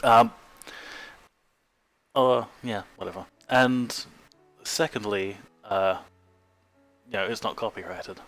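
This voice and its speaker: A young Australian man talks casually on a stream, rambling and trailing off quietly. His pitch moves around a lot, with faint music underneath. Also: expressive, slow, creaky, pauses often.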